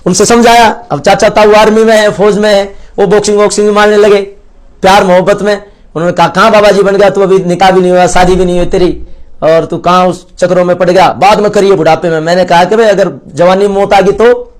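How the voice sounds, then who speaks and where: Earnest high-voiced man telling his story. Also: steady tone, fast talker. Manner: earnest, storytelling with quoted dialogue. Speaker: convert sharing his story. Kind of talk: personal testimony.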